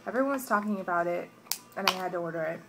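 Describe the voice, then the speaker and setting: A woman's voice: lowish voice, very fast, background noise. A young woman chatting casually through a haul video at home, rambling with many restarts and sounding stuffed up. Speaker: vlogger. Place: home, morning.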